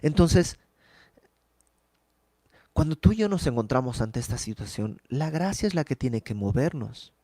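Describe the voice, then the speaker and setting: A man's voice: mid-range voice, sing-song, a little slow, pauses often, mellow, no room sound. Earnest man teaching scripture. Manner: earnest, emphatic, conversational teaching. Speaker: Bible teacher. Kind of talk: verse-by-verse Bible study.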